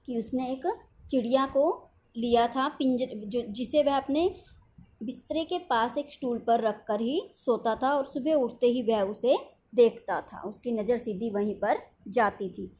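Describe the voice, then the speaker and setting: A woman's voice: a little high, darkish tone, slight background noise. A woman teacher, giving a lesson to a primary school class, reading out words one by one and explaining them. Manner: slow, dictating words one at a time with explanations.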